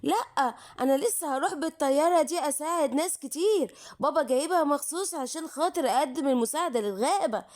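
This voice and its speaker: Cheerful little boy lion cub, egyptian accent, earnest n polite, highish voice woman doing him. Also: expressive, fast, hardly any pauses, a little mellow. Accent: Egyptian Arabic. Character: young boy lion cub, kind and helpful. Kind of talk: children's bedtime cartoon voicing.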